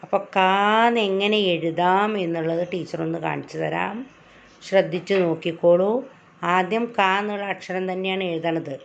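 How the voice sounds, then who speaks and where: A woman's voice: lowish voice, creaky. A woman teacher patiently explaining letters to children, step by step. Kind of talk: children's reading lesson. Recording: lo-fi recording.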